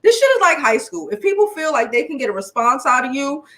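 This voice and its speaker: An American woman hosts a YouTube livestream of casual gossip commentary, sassy, blunt and full of slang. Her high-pitched voice is very animated, fast and fairly bright, in an echoey room.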